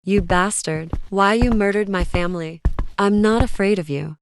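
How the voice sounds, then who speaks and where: A woman's voice: mid-range voice, moderate pace, music in the background, close to an everyday voice. A woman playing a defiant, grieving survivor seeking revenge in a horror skit. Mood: defiant anger.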